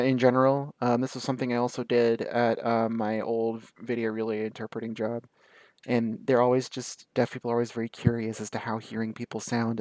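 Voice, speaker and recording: A young man chatting to the camera in a relaxed, storytelling way. He laughs often, throws in quick asides, and his voice sits in a middle register. The sound is close and dry, with no room echo. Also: medium pitch. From American South. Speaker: vlogger.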